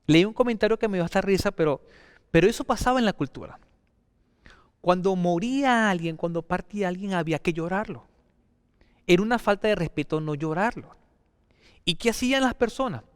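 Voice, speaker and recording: Male preacher, high and smooth voice, emphatic sermon delivery, long reverberant hall. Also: lively intonation, brisk, long pauses, studio quality. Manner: emphatic, repeats key phrases with swings of pitch and loudness.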